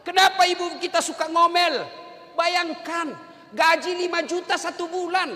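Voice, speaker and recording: Guy giving a funny sermon, very high bright voice, lots of back-and-forth questions to the crowd, hall echo. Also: steady tone, moderate pace. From Indonesia. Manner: preaching with rhetorical questions to the crowd. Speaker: preacher. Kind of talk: humorous sermon.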